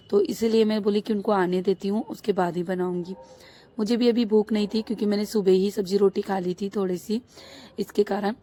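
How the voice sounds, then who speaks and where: Outdoors on her rooftop, a young housewife and mother rambles through a casual vlog, her voice hoarse and thick from a cold. Her husky, medium-pitched voice has a dark, mellow timbre and stays flat and even. She chats aimlessly, filling her talk with lots of fillers.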